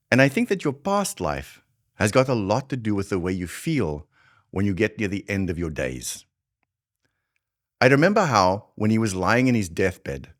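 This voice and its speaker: A man doing an old Afrikaner storyteller. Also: on the low side. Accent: heavy Afrikaans South African. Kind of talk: dramatic reading of a short story.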